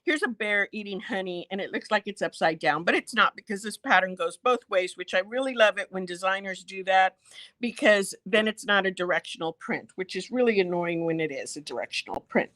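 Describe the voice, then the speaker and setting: A woman's voice: medium pitch, lively intonation, brisk, a bit bright. A middle-aged woman hosting a quilt store's product show, chatting casually and gushing over fabrics with frequent giggles.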